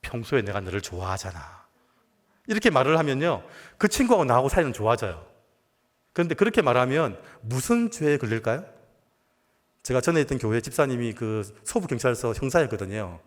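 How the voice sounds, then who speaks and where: A man's voice: medium pitch, big pitch swings, brisk. A male pastor preaching a sermon in a conversational storytelling way, often asking the congregation questions. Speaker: guest pastor. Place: church sanctuary. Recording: long church reverb.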